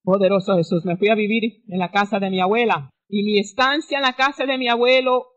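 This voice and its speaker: A woman's voice: mid-range voice, steady tone, a little fast, lo-fi sound. Fervent woman pastor giving testimony. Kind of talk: testimony sermon on radio.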